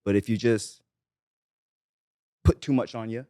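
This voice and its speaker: A man from Barbados, a reggae artist chatting as a guest in a relaxed, upbeat way. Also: lowish voice, measured pace, dry recording, studio quality. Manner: laid-back, upbeat, full of slang and "yes, sir". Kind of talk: casual interview chat.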